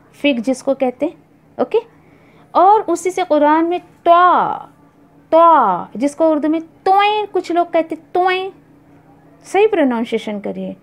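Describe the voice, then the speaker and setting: Slow, high-voiced woman teaching pronunciation. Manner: repeats words slowly for pronunciation practice; mixes English words into Urdu-Hindi speech. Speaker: Quran recitation teacher. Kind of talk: slow explanatory lesson.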